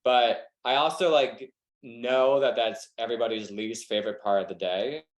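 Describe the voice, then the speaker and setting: A young man with a Southern American accent, a wedding photographer, chats casually in a webinar, rambling and saying "like" constantly. His voice is medium-pitched and normal in speed, with the highs cut off. The room he's in is echoey.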